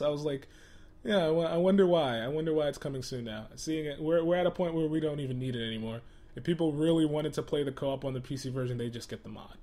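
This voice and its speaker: A man's voice: on the high side, darkish tone. Exasperated man venting with laughs. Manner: exasperated, laughs often, repeats words. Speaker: gaming video host. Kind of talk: casual commentary video.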